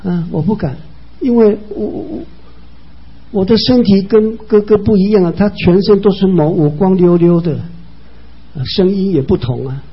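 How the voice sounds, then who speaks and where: A man's voice: high-pitched, moderate pace, breathy edge, muffled recording. A man voicing an anxious young man, the timid younger son, who pleads hesitantly. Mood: worried.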